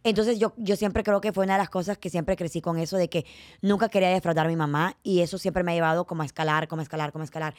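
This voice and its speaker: A woman's voice: fairly low pitch, dry recording, clean studio sound. A young woman speaking, telling stories playfully as a podcast host. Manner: lively, fast-talking, playful storyteller. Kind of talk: casual chat.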